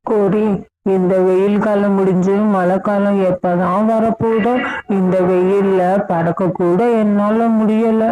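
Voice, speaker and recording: A woman's voice: mid-range voice, fairly even intonation, slow, phone-quality sound, lightly acted. A woman voicing a scheming, bossy female crow in a cartoon, speaking in a commanding, crafty way. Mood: tired.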